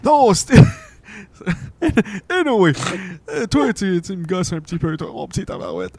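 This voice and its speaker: A man's voice: high voice, wildly swooping pitch, measured pace, creaky, a little mellow, no room sound, pitched above the performer's own voice, heavily acted. A man with a Québécois accent playing a jolly old Santa Claus who teases and laughs heartily. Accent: Québécois French. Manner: hearty ho-ho laughs, playful teasing.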